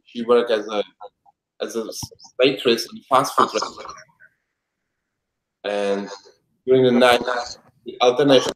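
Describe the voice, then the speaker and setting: Earnest Czech-accented man, roomy sound. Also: mid-range voice. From Czech Republic. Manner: earnest, heartfelt, with non-native grammar. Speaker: guest, life coach. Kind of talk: interview answers. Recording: echoey room sound.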